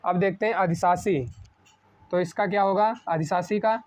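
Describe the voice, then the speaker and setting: A man teaching an exam-prep spelling lesson at a board, asking a question and answering it himself, slowing down on each correct word. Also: sits high, steady tone, darkish tone. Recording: dull lo-fi sound.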